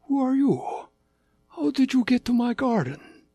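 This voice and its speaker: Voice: sits high, big pitch swings, unhurried, dark tone, slightly rough, no echo, soft background music, pitched above the performer's own voice, heavily acted. A storyteller voicing a patient, formal male tiger who is king of the cats, speaking politely without contractions.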